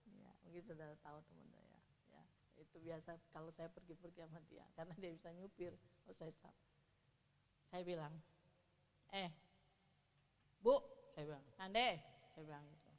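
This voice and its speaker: Her voice is lowish and she speaks at normal speed, leaving long pauses. This woman in her sixties delivers a sermon in church through storytelling, acted-out quotes, and questions put to the congregation, recorded in an echoing hall.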